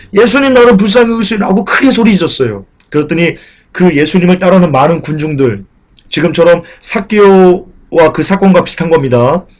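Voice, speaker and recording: A man preaching a sermon with passion. He asks the congregation questions and swings between raised, emphatic lines and quiet, low talk. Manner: asks the congregation questions and addresses them directly.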